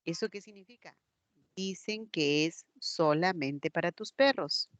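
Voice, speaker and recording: A language teacher with a Peruvian Spanish accent delivers a recorded online class lecture, patiently explaining things step by step with examples. Her voice is on the low side and unhurried, with no echo.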